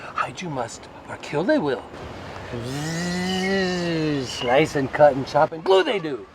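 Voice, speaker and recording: A man's voice: fairly high pitch, slow, crowd noise. An actor playing a twitchy, paranoid male vagrant, raving cryptically in repetitive, sing-song mutters. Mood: manic warning. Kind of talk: film acting. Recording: noisy location sound.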